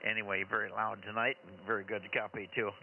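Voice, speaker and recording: Businesslike ham radio net controller. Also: male voice, on the low side, quick pace, gravelly. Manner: steady, businesslike with light chuckles. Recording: tinny radio transmission under loud static.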